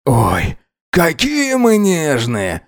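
A man's voice: moderate pace, no room sound, studio quality, close to an everyday voice. A man voicing a drunk, spiteful young man who mocks and snaps at those around him, in an audiobook reading. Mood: sneering. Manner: mocking, shrill, aggressive.

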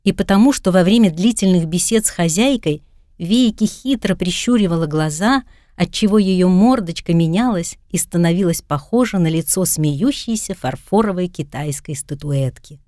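A woman calmly narrating a novel as an audiobook reader. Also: on the low side, normal speed, no echo, studio quality. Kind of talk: scripted narration.

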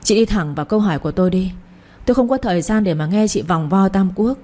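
A strict, commanding older mother-in-law, read by a woman narrator in a spoken storybook. She speaks quickly and firmly, in a mellow, slightly husky tone. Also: mid-range voice, close to an everyday voice. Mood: stern. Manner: firm, commanding.

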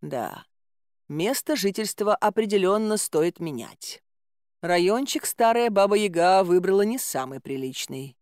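A woman narrating a first-person fairy-tale audiobook in a wry, expressive storytelling manner. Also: mid-range voice, unhurried, dry recording, studio quality.

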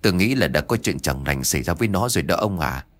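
A man's voice: low voice, expressive, fast. A man voicing a worried middle-aged village mother in a spoken ghost story, pleading and tearful.

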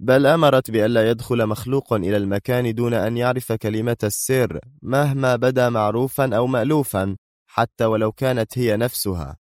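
A man voicing a curt young male bodyguard in an audiobook, with a hoarse, dry, clipped voice. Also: mid-range voice, fairly even intonation, a little fast, darkish tone, no room sound, voice pushed up, lightly acted. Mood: bored, stern.

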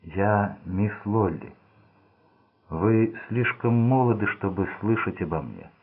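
A man's voice: on the low side, lively intonation, slow, husky, heavily acted. Man reading as a fussy aging bearded lady. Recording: phone-like narrow band.

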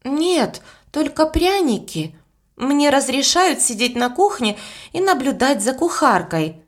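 A woman's voice: sits high, big pitch swings, slow pace, voice pushed up, exaggerated voice. A woman voicing a timid, easily frightened young girl who talks hesitantly, reading an audiobook. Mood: worried.

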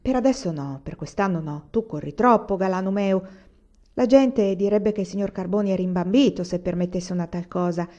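A woman's voice: medium pitch, fairly quick, dark tone, close to an everyday voice. A woman reading the lines of a fussy, kindly old village woman in an audiobook, in an exclaiming way, on a dull lo-fi recording. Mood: insistent. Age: older.

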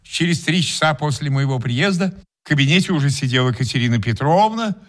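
A man's voice: fairly high pitch, lively intonation, brisk. A man narrating a story in the first person and voicing the hero, in a dry, ironic, composed way. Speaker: narrator and main character. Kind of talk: acted radio reading.

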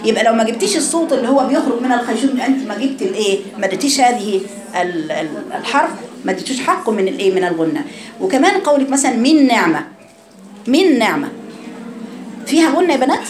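A woman's voice: on the high side, expressive, rapid-fire, roomy sound, a crowd in the background. A woman with an Egyptian accent teaching a class on Quran recitation, asking her students questions and demonstrating sounds. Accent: Egyptian Arabic. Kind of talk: classroom lesson.

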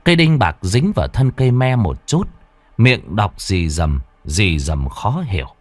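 A man narrating a horror story with expressive, dramatic pacing. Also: fairly low pitch, a little slow, no room sound, faint music behind.

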